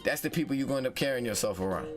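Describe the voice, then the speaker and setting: A man's voice: medium pitch, animated, rapid-fire. Heated, profane man with music behind. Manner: heated, profane, repeats phrases for emphasis. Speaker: vlog host. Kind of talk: casual advice talk.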